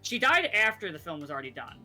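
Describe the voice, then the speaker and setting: Bright, lively man chatting while gaming. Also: high voice, quick pace, soft background music. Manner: swearing, opinionated, stumbling starts. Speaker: co-player. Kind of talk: casual gameplay chat.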